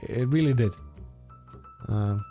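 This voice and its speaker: A man's voice: medium pitch, takes it slowly, warm tone. Young Croatian-accented man chatting on a livestream. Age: 20s. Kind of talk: casual livestream chat answering viewer questions. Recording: music behind the voice. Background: music.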